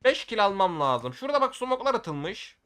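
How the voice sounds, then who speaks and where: A man giving excitable gameplay commentary for his video, often shouting at the game and using casual slang. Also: high-pitched, normal speed. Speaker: gaming video creator.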